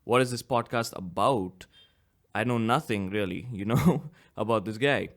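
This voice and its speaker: A man from India in his twenties hosts his own solo podcast, rambling casually and correcting himself. He has a lowish voice, speaks unhurriedly, and has a slight cough.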